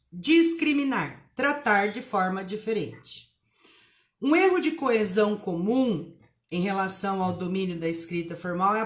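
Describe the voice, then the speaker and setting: A woman's voice: a little high, fairly bright tone. A woman teaching a live online writing lesson, emphatic, spelling words out and asking rhetorical questions.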